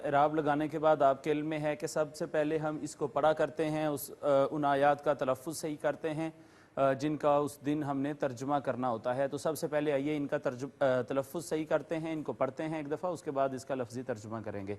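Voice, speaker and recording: A man with a notably high-pitched voice gives a methodical lecture as a Quran teacher. He moves patiently from term to term, defining each and repeating it for his viewers. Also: steady tone, a little mellow. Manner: addresses viewers politely. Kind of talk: lecture explaining Arabic letters and recitation rules.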